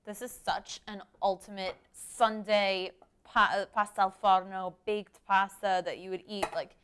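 A woman's voice: mid-range voice, steady tone, a little slow, fairly bright tone, clear, resonant tone. A young woman hosting a cooking show in a home kitchen studio, chatting upbeat as she explains each step. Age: young adult. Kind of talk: casual cooking demonstration.

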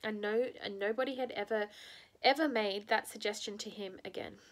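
A woman's voice: medium pitch, fairly even intonation, moderate pace. Woman casually reading a storybook aloud. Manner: unpolished, frequent ums and restarts. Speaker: reader of a children's novel. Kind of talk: casual read-aloud narration.

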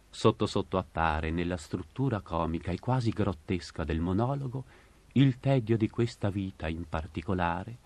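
A male radio announcer reading a measured, scripted introduction. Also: on the low side, a little mellow, no room sound.

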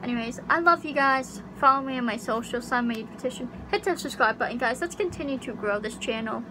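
Her voice is on the high side and a little fast: a young YouTuber rambling through a casual, uncertain vlog chat with lots of filler words. She's recorded close on a webcam in a small pink bedroom. An air conditioner hums audibly in this home recording.

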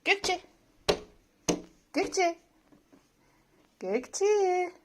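A woman's voice: very high-pitched, expressive, very slow, noisy background. A mother cooing baby talk to her infant in a singsong, repetitive way, filmed on a phone at home. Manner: cooing, singsong, repeats herself. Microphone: phone camera.

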